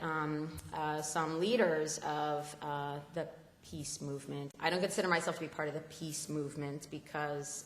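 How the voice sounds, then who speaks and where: A woman addresses an assembly in a fervent, halting public speech, with plenty of ums and uhs. Her voice sits deep for a woman. The sound is roomy, with a long hall reverb trailing her words. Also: a bit bright, a little hiss or hum. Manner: impassioned, halting with many fillers. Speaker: speaker at a political assembly.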